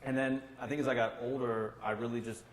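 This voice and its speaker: Speaking quickly with a flat delivery in a mid-range voice, this middle-aged American man from Kentucky is a chef chatting as a guest and spinning casual stories. The recording has an echoey, roomy sound and faint noise.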